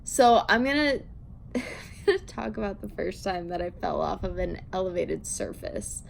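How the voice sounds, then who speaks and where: A woman's voice: medium pitch, normal speed, vocal fry, a little hiss or hum. A woman in her twenties telling a casual, chatty story, rambling and self-deprecating with a giggly manner. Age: 20s. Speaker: video creator telling a story. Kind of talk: casual chatty storytime while doing makeup.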